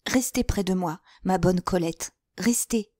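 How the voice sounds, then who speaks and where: A woman voicing a gentle, distressed young noblewoman in an audiobook, speaking softly and pleadingly. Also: on the low side, measured pace, no room sound, studio quality. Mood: tender. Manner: soft, faint and pleading. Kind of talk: audiobook character reading.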